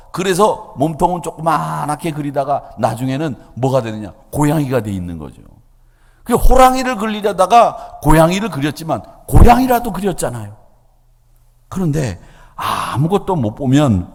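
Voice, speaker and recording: A male pastor delivers a sermon with a lively, swinging pitch, breaking into acted-out voices for the people in his story. His voice carries a long church-hall reverb behind it. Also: slightly rough. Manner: animated preaching, acting out quoted voices. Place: church sanctuary.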